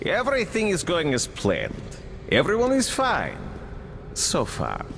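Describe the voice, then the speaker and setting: An actor playing a smug, mocking cannibal leader who talks like a polite official, in a video game. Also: male voice, a little high, huge pitch swings, a little slow, fairly bright tone, big-room sound, slight background noise, full character voice. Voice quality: mocking, smooth and theatrical.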